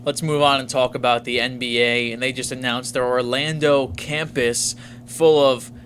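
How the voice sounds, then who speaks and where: A man's voice: medium pitch, steady tone, moderate pace, a bit bright, a little hiss or hum. A man hosting a sports podcast, leading the topics in an upbeat, casual way. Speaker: podcast host.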